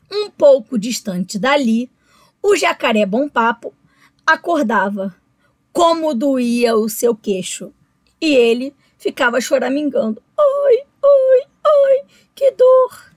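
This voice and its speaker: High-voiced woman reading a children's story. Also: no room sound. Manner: slow, expressive, addresses children.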